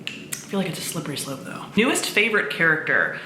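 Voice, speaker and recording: Fast-talking with big pitch swings in a low voice, a woman reviews books on video, chatting casually and enthusiastically with mild swearing. It's recorded in an echoey space with faint background noise.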